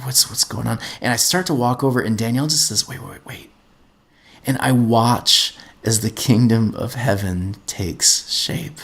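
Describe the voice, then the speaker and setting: A man's voice: medium pitch, a bit bright. A middle-aged man, a podcast host, telling a personal story in an earnest way and often repeating words as he gets going.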